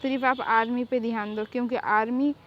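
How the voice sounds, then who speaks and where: A woman's voice: a little high, steady tone, fairly quick. A woman who made a fan story, chatting enthusiastically to her viewers in a casual outro, on dull lo-fi audio with faint noise.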